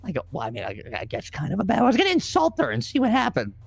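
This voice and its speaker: A woman's voice: mid-range voice, huge pitch swings, rapid-fire, creaky, breathy edge. A woman in an in-character roleplay chat, talking hesitantly and second-guessing herself.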